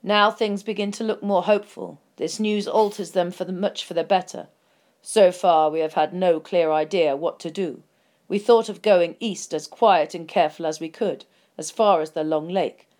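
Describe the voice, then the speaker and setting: A woman voicing a proud, grave dwarf leader in a storybook reading, pitching her voice lower and gruffer. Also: fairly even intonation, normal speed, darkish tone, natural voice.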